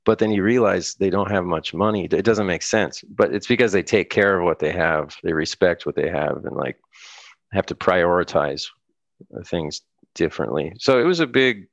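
A deep-voiced, middle-aged musician from the US chats as an interview guest at a moderate pace, rambling, laughing, and frequently restarting his thoughts. The sound is lo-fi but has no echo.

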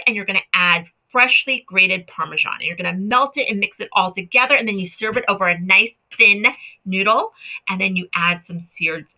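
A woman with a very bright, forceful voice chats enthusiastically to her viewers about home canning. She rambles and corrects herself as she goes. The sound is slightly dull and lo-fi. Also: mid-range voice. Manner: chatty, enthusiastic, self-correcting. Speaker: home cooking and canning vlogger. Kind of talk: casual talk to camera.

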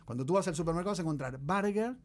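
A man's voice: high voice, animated, very fast. A man in his forties from Argentina with an Argentine accent, chatting casually and explaining slang with lots of examples. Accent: Argentine Spanish. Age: 40s. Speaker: guest teaching slang. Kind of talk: casual chat.

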